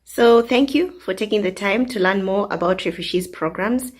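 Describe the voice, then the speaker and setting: A woman's voice: medium pitch, normal speed. A woman hosting an event, graciously introducing a video in a formal way. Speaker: event host.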